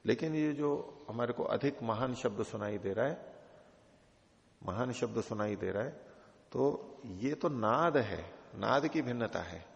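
In a dull, echoing recording from an ashram teaching hall, a middle-aged philosophy teacher lectures on an old text. His gravelly voice sits in the mid range, and he explains patiently with repeated examples.

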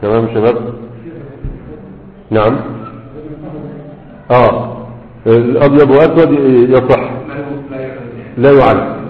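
A man's voice: mid-range voice, unhurried, pauses often. A man with an Egyptian Arabic accent teaching a grammar class, explaining step by step and checking that his students follow. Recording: tinny lo-fi recording in an echoey hall.

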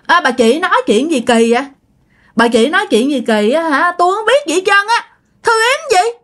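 A dismissive old village sorcerer, put on by a woman, speaking in a raised, high voice. Short and curt, he brushes people off in a spoken ghost story. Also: very animated, normal speed, a bit bright, heavily acted. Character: older man, stern village sorcerer.

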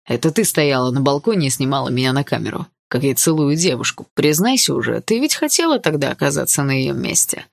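Woman reading a cocky teenage boy, low and soft. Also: expressive, a little fast, vocal fry, hardly any pauses, dry recording, studio quality, exaggerated voice. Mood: teasing.

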